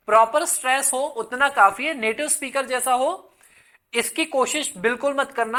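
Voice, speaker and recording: Bright, chatty male exam teacher. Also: extremely high pitch. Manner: chatty, mixes English words into Hindi, calls viewers "son". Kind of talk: casual online lesson. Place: in Hyderabad.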